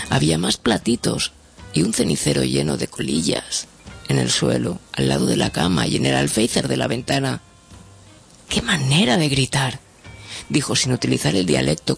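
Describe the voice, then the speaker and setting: A man narrating a story in an expressive reading voice. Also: mid-range voice, vocal fry, breathy edge. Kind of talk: audiobook narration.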